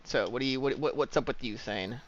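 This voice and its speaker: A man's voice: mid-range voice, brisk, highs cut off, a little hiss or hum. A man casually narrating a tabletop game as game master.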